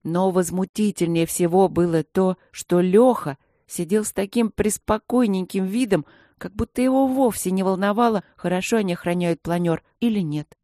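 A woman reading a children's story aloud with an expressive, playful delivery. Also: medium pitch, moderate pace, no echo, studio quality. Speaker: audiobook narrator. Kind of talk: lively children's story narration.

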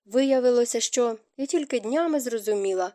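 Brief: woman narrator doing a weak, pleading young wife; higher, mellow voice, dry close read. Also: normal speed, lightly acted. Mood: sad. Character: fragile, tearful young noblewoman wife.

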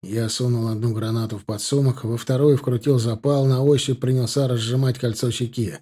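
A man narrating a novel in the first person as an audiobook reader, in a steady, measured way. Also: medium pitch, breathy edge.

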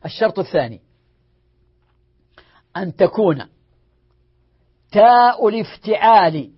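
In a dull, lo-fi classroom recording, a sheikh explains Arabic morphology with a high, expressive voice that has a breathy edge, keeping a measured pace. He repeats every grammar rule, runs drills on word forms, and supplies the answers to his own questions.

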